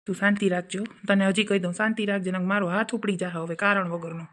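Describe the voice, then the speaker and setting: A woman's voice: mid-range voice, moderate pace, lightly acted. A woman playing a stern elderly father-in-law who scolds and threatens in a comic family sketch. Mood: threatening. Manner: gruff, scolding.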